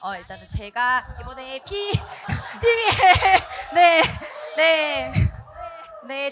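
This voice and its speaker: A woman catechist with a hoarse voice from a cold, earnestly sharing her reflections at a church teacher training session. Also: a little high. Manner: earnest, loud, lively, with acted scolding. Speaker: Sunday school catechist.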